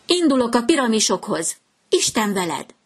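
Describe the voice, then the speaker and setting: A woman's voice: fairly high pitch, sing-song, slightly rough, voice pushed up. A woman voicing a fussy little swallow. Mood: proud. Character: chatty fickle young male swallow.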